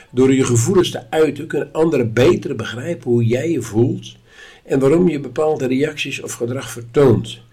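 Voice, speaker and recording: A man talks through a lesson in a calm, instructive way. His voice is husky and a little breathy, and his pitch sits in an ordinary middle range. He keeps a measured, steady delivery. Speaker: course teacher. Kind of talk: spoken lesson.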